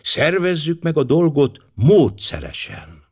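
A man voicing a precise, formal older male detective with a measured delivery. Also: a little high, big pitch swings, darkish tone, voice pushed up.

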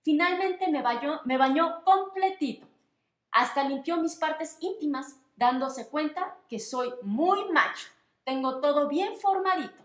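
A woman with a Mexican accent, reading her own story aloud in a lively, expressive way. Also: high-pitched, unhurried. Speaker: storyteller and author. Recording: echoey room.

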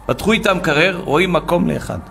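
A man preaching by retelling a dramatic story, acting out each character with animated energy. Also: high voice, vocal fry, soft background music. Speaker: religious storyteller.

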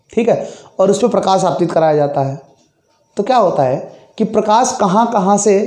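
A young man delivers a fast physics lesson in a high, mellow voice, stopping often to check the class is following. He explains with everyday examples. The sound is echoey, as if recorded in a bare room. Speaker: physics teacher. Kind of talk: classroom lecture.

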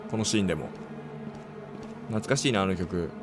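A man casually commentating his playthrough of a horror game, chatty and quick to react with exclamations. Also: low-pitched, lively intonation, noisy background.

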